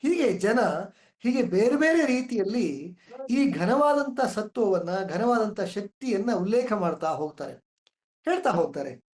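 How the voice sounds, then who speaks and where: A woman, talking through classical poetry like a patient teacher. Her voice sits at an ordinary middle pitch. The sound rings in an echoey room. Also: expressive, a little mellow. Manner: slow chanting of verses, conversational explanations. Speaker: poetry explainer. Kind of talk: explaining classical verse.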